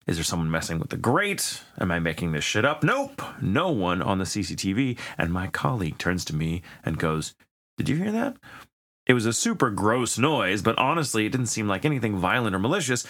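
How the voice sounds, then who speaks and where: A man's voice: fairly low pitch, brisk. A man co-hosting a podcast, chatting casually and reading listener letters aloud, joking and swearing. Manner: swears freely, animated and joking. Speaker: podcast co-host.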